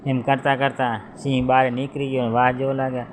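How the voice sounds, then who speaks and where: A man's voice: mid-range voice, little pitch movement, fast. A man narrates a children's folk tale in an easygoing, homely manner, slipping into the animals' voices. His voice sits in the middle range. A faint hum runs behind him. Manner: homely, conversational telling with voiced characters. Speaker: storyteller.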